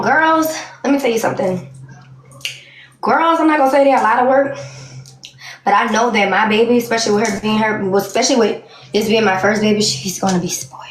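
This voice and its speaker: A woman's voice: mid-range voice, slight background noise. A woman in her late twenties speaking bluntly and candidly in a casual interview, laughing often. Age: 20s. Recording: roomy echo.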